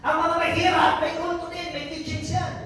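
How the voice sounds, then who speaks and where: A man from Albay, Philippines, with a high voice gives a joking motivational talk to a live crowd. He teases people and keeps asking them questions. The voice rings through a very echoey hall, heard from a distance over faint background noise. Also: level tone, normal speed, bright, forceful tone. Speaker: business mentor and motivational speaker. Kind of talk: motivational speech to a live audience. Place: event venue hall, indoors. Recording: very echoey event hall, picked up from afar.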